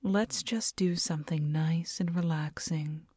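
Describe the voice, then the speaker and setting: A woman playing a doting, teasing girlfriend in a whispered role-play, speaking slowly and tenderly, right in the listener's ear. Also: low voice, mellow, breathy edge, dry recording, studio quality. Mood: soothing. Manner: slow, tender, coaxing. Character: doting, teasing, nurturing girlfriend soothing her partner. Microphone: very close binaural microphone.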